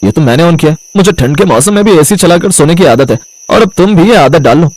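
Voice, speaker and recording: A man's voice: fairly high pitch, lively intonation, fast, a little mellow. A man voicing a stubborn young husband in a cartoon story, talking in an offhand, dismissive way.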